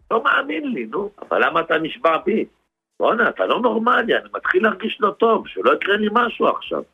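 A man's voice: fairly high pitch, vocal fry, slightly rough, no echo, highs cut off. A man performing a comic phone sketch on the radio, swerving animatedly between voices. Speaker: radio comedian.

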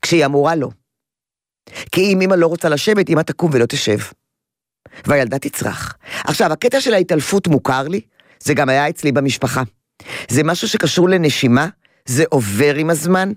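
Animated older woman radio advice host. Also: low voice, dry recording, clean studio sound. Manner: animated, explanatory, acts out children's voices. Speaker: radio call-in host and child therapist. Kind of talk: call-in radio advice talk. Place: radio studio.

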